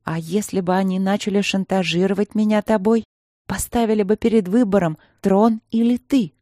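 A woman voicing a furious elder sister who shouts, stern and drawn out. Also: mid-range voice, steady tone, normal speed, dry recording, studio quality, pitched above the performer's own voice, natural voice. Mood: grim.

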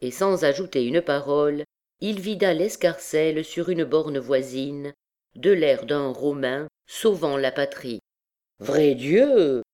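A woman narrating a classic novel audiobook in a steady, measured reading. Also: low-pitched.

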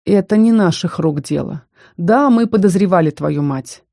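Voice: medium pitch, expressive, vocal fry, mellow, no room sound, clean studio sound. A reader voicing a stern, protective young male mage who speaks coldly and firmly in an audiobook. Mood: somber. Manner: cold, firm, measured. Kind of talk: audiobook character reading.

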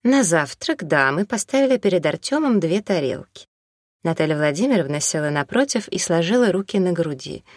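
Low-voiced woman reading an audiobook. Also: dry recording, clean studio sound. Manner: even, measured reading. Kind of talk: audiobook narration.

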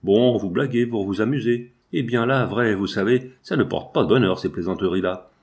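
A man's voice: on the low side, moderate pace, natural voice. A man voicing a stolid, grumbling omnibus conductor who speaks bluntly and colloquially. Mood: gruff.

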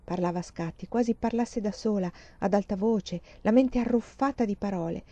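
A woman reading a novel aloud in a calm, measured way, on a dull lo-fi recording. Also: medium pitch, no echo. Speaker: audiobook reader.

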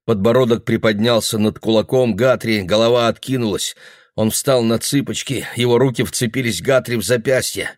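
A man reading a novel aloud in a steady, even narration. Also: medium pitch, moderate pace, dry recording, clean studio sound. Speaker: audiobook reader. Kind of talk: literary narration.

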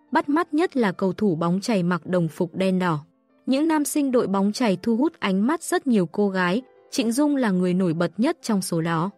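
A woman's voice: medium pitch, a little mellow, dry recording. Woman reading a novel over faint music. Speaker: audiobook narrator. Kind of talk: scripted narration.

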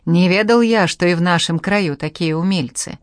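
An imperious tsar of old Russia gives orders in an abrupt, commanding tone, read by a woman. The voice sits low for a woman, and the recording is dry and close. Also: normal speed, dry recording, close to an everyday voice. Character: angry then grateful male tsar, commanding.

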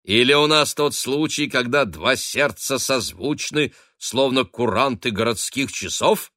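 A man's voice: medium pitch, unhurried, sharp tone, no echo, studio quality, voice pushed up. A man voicing a gushing, teasing middle-aged lady of the house who fusses over her ward. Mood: excited gushing. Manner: effusive, fussy, teasing.

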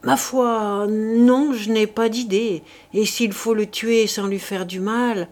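A woman's voice: on the high side, fairly even intonation, slow, a little mellow, pitched above the performer's own voice. Woman reading as a good-humored corporal. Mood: easygoing.

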